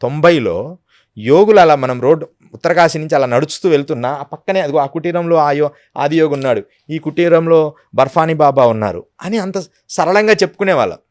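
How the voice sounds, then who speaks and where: A man's voice: on the high side, animated, a little fast, a little mellow, no echo, clean studio sound. Earnest man telling yogi stories. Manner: earnest, storytelling with acted quotes. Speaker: yogi guest. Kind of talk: devotional interview talk.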